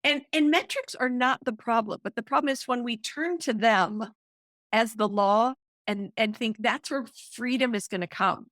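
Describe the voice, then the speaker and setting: A middle-aged woman, a guest author and counselor, explaining with excited emphasis in a podcast interview. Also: a little high, normal speed, no echo, studio quality.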